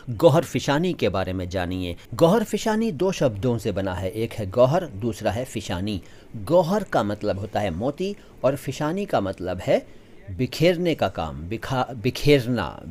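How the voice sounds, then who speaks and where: A man's voice: mid-range voice, darkish tone. A man hosting a travel vlog, explaining word meanings and carefully drawing out each word's pronunciation in a patient, teacherly way. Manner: slow, careful drawn-out pronunciation of words; patient explanatory delivery listing synonyms.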